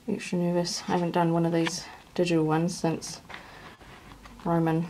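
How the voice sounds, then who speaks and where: A woman's voice: on the low side, monotone, moderate pace, a little hiss or hum. A woman vlogging by herself on a handheld camera, with a nervous, shaky manner, often dropping to a near whisper. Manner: nervous, shaky, breathy, trailing off into quiet. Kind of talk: casual vlog narration.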